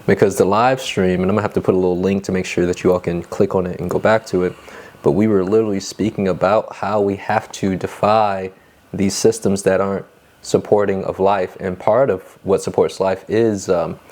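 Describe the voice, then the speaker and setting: A man's voice: low voice, level tone, a little fast, darkish tone. A man hosting a casual podcast, chatting in a laid-back way and laughing often. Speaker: podcast host.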